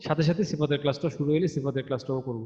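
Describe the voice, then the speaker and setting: A male recitation teacher talks through the rules with patience. He slows down to chant each verse as a model. His voice comes through a dull, muffled line and trails off with a long echo. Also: a little high, mellow. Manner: explains patiently, chants verses slowly to demonstrate. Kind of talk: online tajweed lesson. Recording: dull audio with long reverb.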